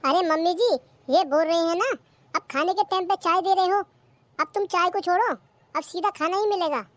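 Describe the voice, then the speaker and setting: A performer doing a cheeky young daughter-in-law, high and squeaky. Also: female voice, normal speed, no room sound. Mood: sulky. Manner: cheeky, answers back, sulky grumbling. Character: lazy, cheeky young daughter-in-law who talks back. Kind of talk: cartoon comedy skit.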